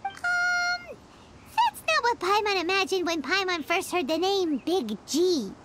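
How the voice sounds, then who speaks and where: A tiny childlike fairy companion in a fantasy game. The squeaky voice is extremely high and swoops widely, over loud background noise. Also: female voice, big pitch swings, a little slow, heavily acted. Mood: puzzled, surprised. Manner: squeaky, speaks of herself in third person. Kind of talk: animated game character acting.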